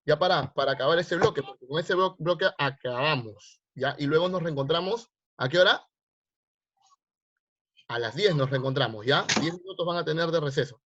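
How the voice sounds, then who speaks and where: A man's voice: a little high, moderate pace, a bit bright. A male teacher, teaching grammar online and quizzing his students with repeated questions. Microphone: video call. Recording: lo-fi online class audio.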